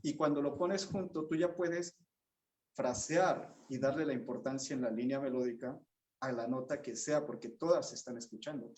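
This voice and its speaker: A man teaching a bassoon masterclass, patiently explaining and singing rhythms and note names to show the phrasing. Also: moderate pace, a little mellow. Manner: patient, encouraging. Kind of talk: masterclass instruction.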